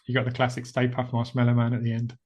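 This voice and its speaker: This man co-hosts a horror podcast in a relaxed, chatty way, often laughing at himself as he goes. His voice sits at a middle pitch, plain and easygoing. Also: quick pace. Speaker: podcast co-host. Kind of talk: casual chat.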